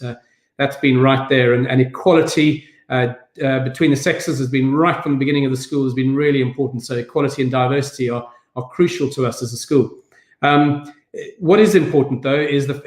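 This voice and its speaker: Middle-aged South African man, headteacher, relaxed presentation, roomy video-call sound. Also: medium pitch. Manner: friendly, informal, with fillers and restarts. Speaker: school head. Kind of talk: virtual event talk.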